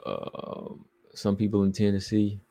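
A podcast host from the American Southeast reads chat comments during a laid-back livestream, rambling in between. His very low voice is mellow and completely flat, delivered at a measured pace in a dry, close recording with no echo or room sound.

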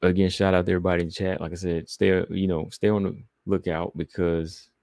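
A deep-voiced man with a Southeastern American accent talks loosely on a casual livestream, reading chat comments and rambling between them. His voice sits very low, and the recording is dry and close, with no room sound. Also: flat delivery, quick pace, darkish tone, no echo. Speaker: podcast host reading live chat.

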